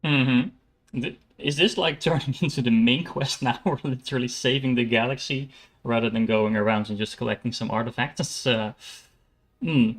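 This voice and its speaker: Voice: medium pitch, fairly even intonation, normal speed. Dutch-accented casual game streamer. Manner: chatty, hesitant asides with fillers. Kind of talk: casual gameplay commentary.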